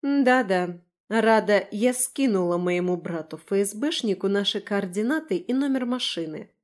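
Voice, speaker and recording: A woman's voice: fairly high pitch, lively intonation, normal speed, a little mellow, voice pushed up, lightly acted. A woman voicing a brash, sarcastic, chatty young woman in an audiobook, teasing and mocking. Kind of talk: audiobook character voice.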